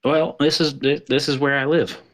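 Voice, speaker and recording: A man voicing a gruff, befuddled talking bush creature in a tabletop role-play, plain-spoken and puzzled. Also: fairly high pitch, little pitch movement, moderate pace, voice pushed up, close to an everyday voice. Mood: puzzled, matter-of-fact.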